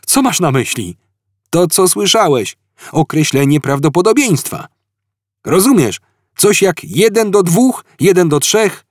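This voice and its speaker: An excitable alien know-it-all in a storybook reading, talking high and agitated with lively swings, as a man puts him on. The tone is husky and dry. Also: no echo. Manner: agitated, explaining loudly.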